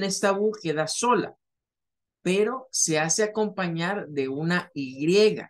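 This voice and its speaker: A man teaching an English lesson, explaining patiently step by step and repeating words slowly to show their pronunciation. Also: fairly high pitch, fairly bright tone. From Latin America. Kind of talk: recorded online lesson.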